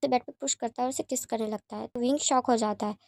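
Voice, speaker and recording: A woman narrating a fanfiction story for her channel, rattling through the plot fast and chattily. Her voice sits high, and the close mic sounds dry, with no room in it. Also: fairly even intonation, creaky, darkish tone, dry recording.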